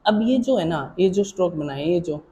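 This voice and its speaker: Recorded roughly, a man with a high, expressive, mellow voice teaches shorthand at normal speed. He explains patiently and repeats himself, calling students child or dear and checking in with "theek hai na" to see that they follow.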